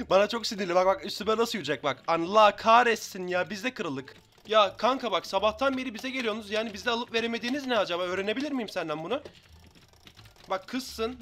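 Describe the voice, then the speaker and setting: A young man from Turkey giving excitable commentary on his own Minecraft match, taunting opponents in quick banter. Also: sits high. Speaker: gaming YouTuber. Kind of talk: live Minecraft gameplay commentary.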